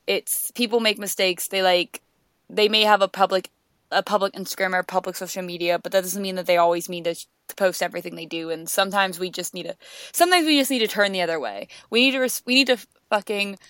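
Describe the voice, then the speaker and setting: A woman's voice: mid-range voice, fairly even intonation, brisk, fairly bright tone, clean tone, no echo. A woman co-hosting a podcast in casual chat, rambling with lots of fillers and restarts, and swearing now and then. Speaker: podcast co-host.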